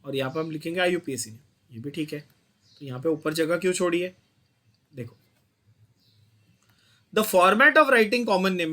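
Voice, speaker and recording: High-voiced Indian chemistry teacher quizzing students. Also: male voice, sharp tone. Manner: mixes Hindi and English, quizzes students constantly, blunt and scolding. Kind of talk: online class lecture.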